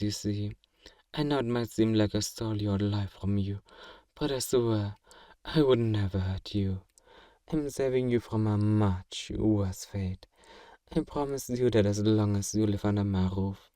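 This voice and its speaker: In an ASMR roleplay, a man plays a genteel, possessive vampire who coaxes and soothes with doting politeness, his mood solemn and reassuring. His fairly low, dark, relaxed voice is close to everyday speech and a little slow, recorded very dry and intimate with no room echo.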